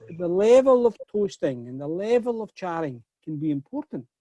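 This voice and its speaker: A man's voice: sits high, very animated, normal speed, dark tone, no echo, highs cut off. Chatty man hosting a whisky tasting. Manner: chatty, repeats words when starting sentences. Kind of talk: casual online tasting talk.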